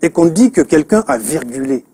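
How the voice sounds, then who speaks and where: A man's voice: fairly high pitch, big pitch swings, normal speed, warm tone, breathy edge. A man interviewing a guest in a casual chat, prompting with short replies.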